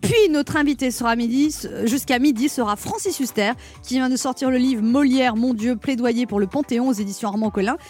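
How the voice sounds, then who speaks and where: A woman hosts a comic radio show with a slightly high voice. She talks briskly and teasingly and drops in mock English phrases. Soft jingle music sits behind her.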